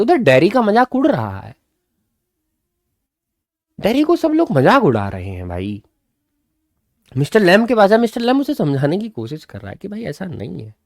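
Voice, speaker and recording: A young man teaches an online class, going from lively explanation to slow, careful reading of lines. His voice sits somewhat high. The sound is dry and close, with no room behind it. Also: no room sound. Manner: animated, reads English lines slowly then explains them. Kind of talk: online class explaining an English story in Hindi.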